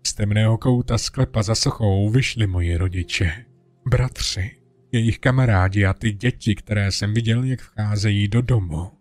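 A man reading a first-person horror story in a steady, dramatic way over a music bed. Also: on the low side. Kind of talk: scripted horror narration.

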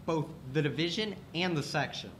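A man's voice: fairly high pitch, normal speed, a bit bright, slight background noise. A teenage boy anchoring scripted school announcements, with a playful, joking delivery. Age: teens.

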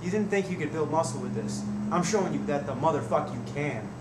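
This young man's voice runs on the high side with lively intonation and a fairly quick pace. A fitness vlogger in his twenties, he talks bluntly through a home workout, swearing at times and straining audibly during reps. The small room echoes, and the desk-distance webcam audio is noisy.

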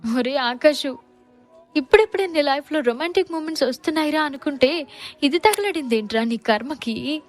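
Woman doing a playful young husband for an audio story, sarcastic banter, voice pitched high. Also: lively intonation, moderate pace, faint music behind. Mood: grumbling. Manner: bantering, mock-exasperated.

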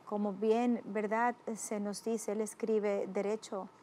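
A woman's voice: medium pitch, little pitch movement, slow pace, dark tone, a little hiss or hum. A woman interviewing a priest on a TV show, with short encouraging reactions.

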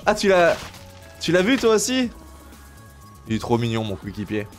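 A man's voice: on the high side, wildly swooping pitch, normal speed, soft background music. A man streaming a shooter game, joking with his chat in casual commentary, making sound effects and slipping into mock English. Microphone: gaming headset.

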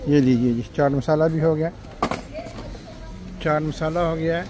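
A man's voice: fairly high pitch, fairly even intonation, unhurried. A man, casually vlogging as he walks supermarket aisles and lists prices, peppering his talk with polite words. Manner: chatty, lists prices, says "ji" and "janab". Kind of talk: casual shopping vlog walkthrough. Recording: noisy shop background.

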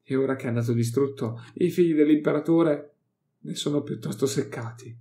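A man's voice: medium pitch, brisk, vocal fry, dark tone, pitched above the performer's own voice, natural voice. A man voicing a gleeful, scheming male scholar of alien lore, mocking and triumphant in a theatrical way.

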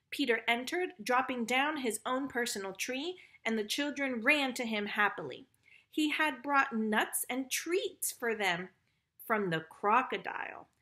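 A woman reading a children's story chapter aloud, gentle and affectionate. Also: a little high.

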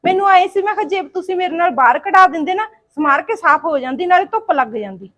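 An actress playing a polite, pleading young daughter-in-law in a homemade family drama. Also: female voice, sits high, brisk, highs cut off, natural voice. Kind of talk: amateur family drama acting.

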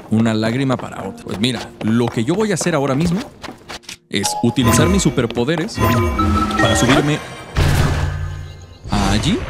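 A man in his thirties with a Mexican accent giving joking, slangy live game commentary. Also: mid-range voice. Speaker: game streamer. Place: indoor streaming room.

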